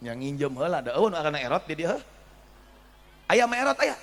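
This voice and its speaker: A man preaching a sermon in an animated way, often throwing questions to the audience. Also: a little high, a little fast. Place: religious school gathering hall. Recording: echoey hall.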